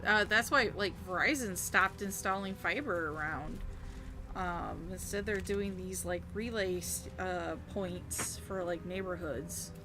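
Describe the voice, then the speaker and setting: Unhurried woman chatting while gaming. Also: fairly low pitch, background noise. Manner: sweary, wry. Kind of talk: casual gaming chat. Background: game music.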